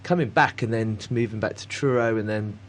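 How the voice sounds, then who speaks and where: Low-voiced man, rambling. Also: a little fast, slight background noise. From Cornwall, England. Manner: rambling and hesitant, many fillers, laughs often. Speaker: artist guest. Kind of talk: casual conversation.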